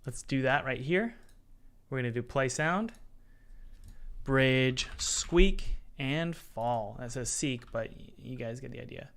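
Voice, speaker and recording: A man's voice: medium pitch, takes it slowly, creaky, a bit bright. A man streaming his game development work, chatting casually and thinking aloud as he edits sounds and reads chat. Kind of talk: casual live-stream chat while working.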